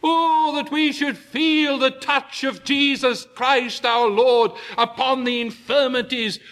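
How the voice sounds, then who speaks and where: A man preaching a sermon to his congregation, slow and emphatic, rising into impassioned peaks. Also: very high voice, flat delivery, fairly bright tone.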